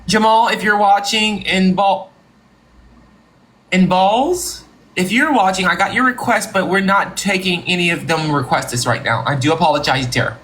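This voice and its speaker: A live-stream host playing a company boss in improvised comedy, talking in a mock-formal, drawn-out way. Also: medium pitch, a bit bright. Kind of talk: improvised comedy role-play with callers.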